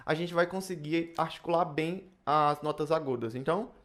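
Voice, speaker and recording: A young Brazilian man with a fairly high voice explains saxophone technique in a relaxed video lesson. He speaks with a Brazilian Portuguese accent and often tags his sentences with quick checks to the viewer. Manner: casual, tag questions after phrases. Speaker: saxophone teacher.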